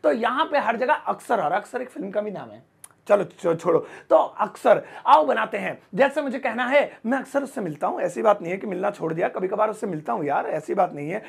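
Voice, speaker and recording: A man's voice: sits high, animated, fairly quick, gravelly, breathy edge. A man teaching English words in a playful, chatty lesson, joking and acting out everyday example sentences. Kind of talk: playful Hindi vocabulary lesson.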